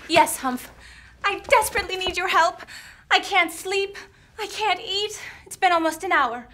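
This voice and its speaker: A woman's voice: very high voice, normal speed, sharp tone. A woman playing a melodramatic damsel in distress in a noir parody, earnest and theatrical. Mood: anguished. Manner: earnest, theatrical, overdramatic delivery. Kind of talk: noir parody audio drama.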